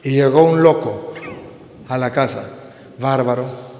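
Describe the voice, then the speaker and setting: A priest preaching a sermon, telling a story and calling out questions to the congregation. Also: male voice, medium pitch, measured pace. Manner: animated, calls out questions to the congregation. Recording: echoey hall.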